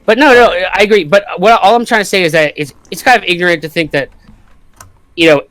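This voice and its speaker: A man's voice: sits high, expressive, fast talker, fairly bright tone, no room sound. A man from Canada chatting casually, with slang and swearing. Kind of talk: casual chat.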